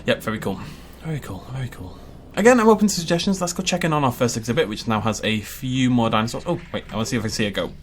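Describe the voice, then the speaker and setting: A game channel host with a mid-range voice talks in an animated, rapid-fire way as he builds a park in a video game. His commentary is casual and chatty, full of laughter and playful asides, with slight background noise.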